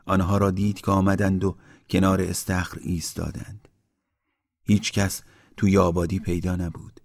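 A man reading a literary story aloud in a slow, measured narration that sinks quieter in grim passages. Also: low-pitched.

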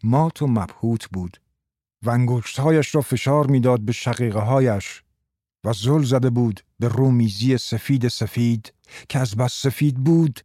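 A man's voice: mid-range voice, dark tone, no echo. Man narrating a story, dry and close. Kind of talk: scripted audiobook narration.

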